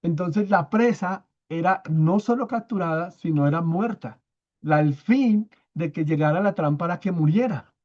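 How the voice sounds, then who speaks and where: A man teaching a church Bible study, explaining step by step, often checking in with his listeners and repeating key words slowly for emphasis. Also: on the high side, lo-fi sound. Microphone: own microphone.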